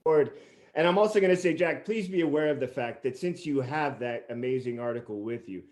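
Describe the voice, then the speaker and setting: A man with a medium-pitched, darkish voice talks a little fast as he hosts a podcast recorded over a remote group call. He's wordy and effusive, delivering a scripted introduction and then chatting casually with his guests.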